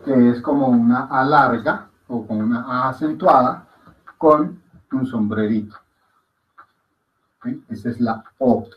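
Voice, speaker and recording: A man's voice: medium pitch, takes it slowly, pauses often, highs cut off. A man teaching a language class in a patient way. He repeats sounds aloud and often checks that his students are following. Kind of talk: classroom lesson.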